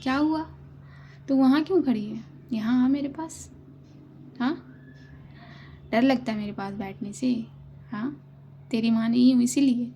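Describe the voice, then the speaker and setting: A woman's voice: fairly high pitch, a little slow, pauses often, slight background noise, natural voice. A woman voicing a stern, tender older mother, in whispered role-play. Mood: chiding. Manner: teasing, commanding, soft-spoken.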